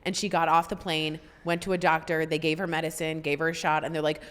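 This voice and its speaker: A woman co-hosting a podcast, chatty and animated as she talks. Her voice is somewhat low. It echoes with a long reverb in the room. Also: quick pace, clear, resonant tone. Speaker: podcast co-host. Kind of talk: casual chat.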